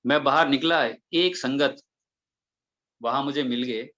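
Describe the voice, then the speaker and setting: A man's voice: mid-range voice, measured pace, muffled recording. A man, telling a devotional story at a satsang and acting out the dialogue as he goes. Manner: lively retelling full of quoted dialogue. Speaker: devotee sharing an experience.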